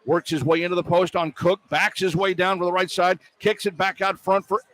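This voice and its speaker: Calling basketball play-by-play live and reading sponsor spots, this American radio announcer speaks from a broadcast spot in a big indoor arena. His high-pitched voice is fairly bright and flat in delivery, moving a little fast. Arena noise and ambience fill the background of the live broadcast.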